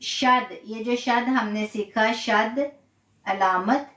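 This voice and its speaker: Woman teacher, slow and patient, slightly high voice, echoey room. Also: fairly even intonation, a bit bright. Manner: patient, repeats terms and asks herself questions. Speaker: Quran recitation teacher. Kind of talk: slow step-by-step tajweed lesson. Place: live stream from a room.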